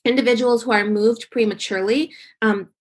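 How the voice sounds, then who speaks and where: A woman's voice: a little high, fairly even intonation. A woman working as an occupational therapist, answering interview questions in an explanatory way with frequent fillers. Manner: explanatory, many um fillers, fast bursts.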